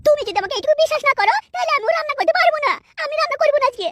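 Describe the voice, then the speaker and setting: Give me a touchy cartoon wife as a woman voices her, high and quick. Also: expressive, fairly bright tone, a little hiss or hum. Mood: indignant. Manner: indignant, quarrelsome. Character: touchy, indignant young wife. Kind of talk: comic cartoon dubbing.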